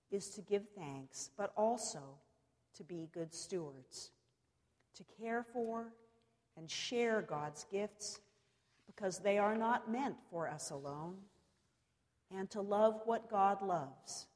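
A woman preacher gives a cathedral sermon in a long, ringing reverb. Her delivery is slow and solemn, set out in short, deliberate phrases with pauses between them. Her voice sits at a medium pitch for a woman. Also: darkish tone. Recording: long reverberant echo of a large hall.

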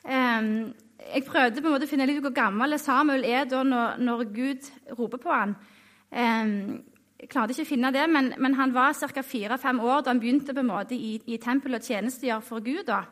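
A woman's voice: high voice, a bit bright. A woman giving a sermon to her congregation, speaking hesitantly with many fillers and restarts. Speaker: lay preacher.

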